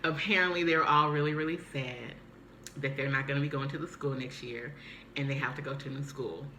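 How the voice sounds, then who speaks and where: A woman's voice: extremely low pitch, brisk. A young woman vlogging, chatting casually as she tells a story and acts out the voices of the people in it. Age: young adult. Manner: animated, acts out quoted voices. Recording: echoey room, faint background hiss.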